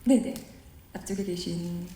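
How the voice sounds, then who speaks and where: A woman's voice: fairly low pitch, measured pace, mellow. A woman hosting a press event in the polite, cheerful, chatty style of a public radio host, coaxing and courteous. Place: indoor press conference room. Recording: roomy event hall with background noise.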